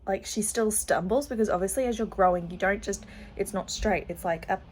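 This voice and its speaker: A woman's voice: medium pitch, a little fast, slightly rough. A young woman, chatting casually about her reading in a rambling way, full of ums and likes. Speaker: book vlogger. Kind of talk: casual reading vlog chat. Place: at home. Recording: noisy home recording.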